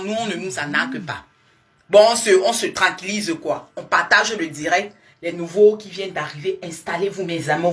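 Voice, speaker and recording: A young woman, a weight-loss coach chatting live to her followers in a lively, repetitive, coaxing way. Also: a little high. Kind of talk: casual live-stream talk to followers.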